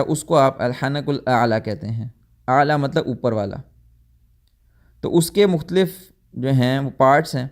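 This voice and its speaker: A man giving a tajweed lecture, explaining step by step, sometimes correcting himself and mixing in English words. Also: medium pitch. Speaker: tajweed teacher. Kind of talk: recorded lecture.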